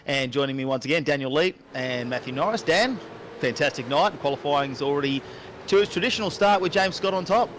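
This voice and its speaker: Fast-talking race commentator. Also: male voice, a little high, a bit bright, a little hiss or hum. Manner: quick, chatty, rattles off positions and times. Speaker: sim racing commentator.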